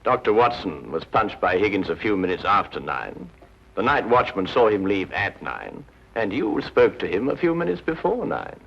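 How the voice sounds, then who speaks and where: An actor playing a brisk, witty Victorian detective who lays out deductions in a cool, teasing, precise way. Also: male voice, lowish voice, sing-song, creaky, slight background noise. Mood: amused. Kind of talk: 1950s TV drama acting. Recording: dull 1950s TV soundtrack with music.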